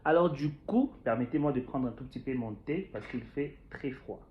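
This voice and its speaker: A young Congolese man from Kinshasa, with a French accent, shares his experience in a casual to-camera YouTube chat. His medium-pitched voice has lively intonation and normal speed, broken by frequent fillers and restarts. There's slight background noise, and the recording sounds dull and lo-fi.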